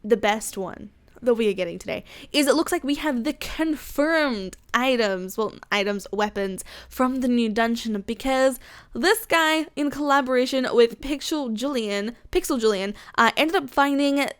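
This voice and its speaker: An Australian woman hosting casual game news commentary, gushing and excitable, full of fillers. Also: a little high, moderate pace, clear, resonant tone. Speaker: gaming YouTuber.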